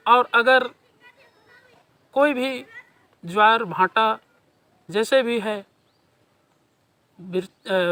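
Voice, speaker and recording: A spiritual speaker from India with a high-pitched, sharp voice delivers a devotional sermon with mantra chanting. He addresses his listeners in an emphatic, declamatory style, reciting long lists of reverent epithets.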